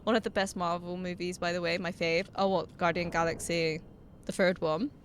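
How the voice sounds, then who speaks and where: A woman's voice: lowish voice, level tone, normal speed, a little hiss or hum. A young woman streaming a game, chatting casually with viewers, laughing often, swearing and reading out their messages. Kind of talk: casual live-stream chat while gaming.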